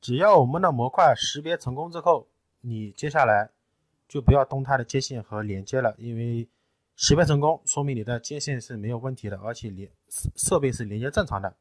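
A man in a technical tutorial, explaining each step patiently and often pausing with fillers. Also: medium pitch, no echo. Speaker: tutorial presenter. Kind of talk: screen-recorded technical tutorial.

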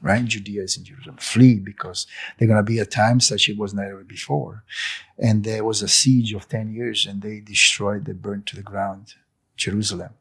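In a living room, a man in his sixties who owns a cafe gives an impassioned interview monologue into a fluffy handheld mic, speaking English as a non-native language. He is preachy and emphatic, gesturing with his hands, and his lowish, gravelly voice is fairly bright with a breathy edge, holding a steady tone at a moderate pace.

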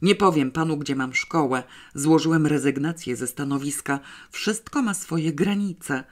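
Brief: gloomy, despairing male teacher, pitched up when upset, read by a narrator. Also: measured pace, lightly acted. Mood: bitter despair. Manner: gloomy, then shouting in despair. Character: fed-up middle-aged male maths teacher, bitter.

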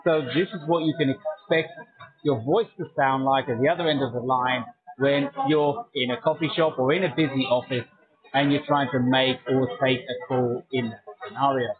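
A tech gear reviewer talks casually through a bluetooth earbud mic on a call from inside a busy coffee shop. His medium-pitched voice is steady, breathy-edged and at normal speed, with narrow, tinny audio and soft background music. He thinks aloud about products, chatting with small laughs.

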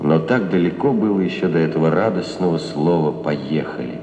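A man's voice: sits low, fairly quick, dull audio, background noise. A man reading scripted, lofty narration for an old documentary film. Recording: echoey old film soundtrack, long reverb. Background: music.

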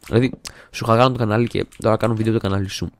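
A man's voice: on the low side, fairly even intonation, no echo. A young man hosting a gaming video in casual, jokey commentary, rambling, muttering and humming to himself while he builds, recorded on a desktop mic at home. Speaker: gaming channel host. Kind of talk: casual let's-play commentary. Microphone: desktop studio mic.

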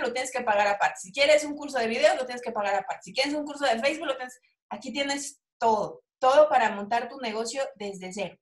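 A Mexican woman with a fairly high voice gives an energetic, persuasive sales talk about online business. Her delivery is full of rhetorical check-ins. The room around her sounds noticeably echoey. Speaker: online marketing coach.

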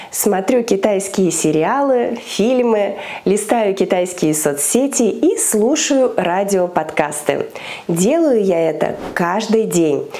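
With a warm, medium-pitched voice, a Chinese teacher in her thirties who founded her own school gives a cheerful, scripted lesson to camera on a lapel mic in a small room. She moves her hands as she talks and lays things out in a clear, list-like way.

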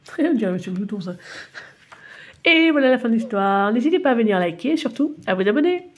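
A woman reading a children's storybook aloud, animated and playful. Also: a little high, a little fast, highs cut off.

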